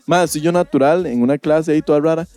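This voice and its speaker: A man's voice: a little high, fairly even intonation, fast talker, warm tone, clear, resonant tone, faint music behind. A man with a Costa Rican accent in casual chat, talking in a chatty way with lots of filler. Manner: chatty, fillers of "mae" and "¿verdad?". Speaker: podcast co-host.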